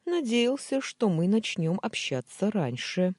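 A reader voicing a calm, possessive, domineering man in an audiobook, in a husky, soft-spoken way. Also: mid-range voice, a little slow, dry recording, pitched above the performer's own voice. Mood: insistent. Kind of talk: audiobook dialogue reading.

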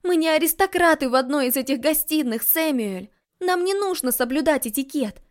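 A woman's voice: high-pitched, lively intonation, slow pace, darkish tone, voice pushed up. A woman voicing a blunt, passionate young heroine in an audiobook, speaking emphatically. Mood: indignant. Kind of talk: audiobook dialogue reading.

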